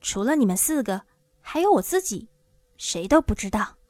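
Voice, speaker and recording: A woman voicing a timid little old man who pretends to be a great wizard, speaking in a hushed, pleading way. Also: a little high, big pitch swings, moderate pace, dry recording.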